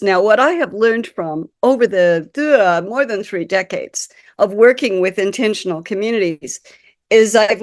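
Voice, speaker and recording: Croaky nasal woman with a cold. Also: medium pitch, dry recording, clean studio sound. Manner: apologetic, coughs and clears throat. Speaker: guest speaker, community consultant. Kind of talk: webinar talk. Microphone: video call.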